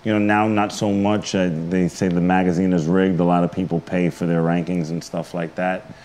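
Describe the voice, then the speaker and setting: A middle-aged pro wrestler from the Bronx, New York, with a New York accent, chats casually and informally as a guest in an indoor studio interview. His voice is low-pitched, level and a little mellow at normal speed.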